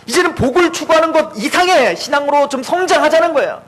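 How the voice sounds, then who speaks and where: A man preaching a sermon in church, animated, acting out quoted dialogue between God and Moses. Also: very high voice, quick pace, rough recording.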